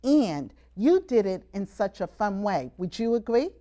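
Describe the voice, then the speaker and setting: Speaking unhurriedly in a mellow, mid-range voice with big pitch swings, a TV host guides children through a show taped live at a college venue with an audience. She takes an emphatic, teacherly tone and keeps coaxing the students with questions.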